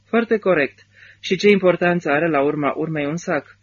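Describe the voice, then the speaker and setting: A nervous, drunken lieutenant general talks in a shrill, melodramatic way, performed by a man reading the book. His voice rides high. The sound is dull and lo-fi. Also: breathy edge, dry recording. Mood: melancholic. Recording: dull lo-fi recording.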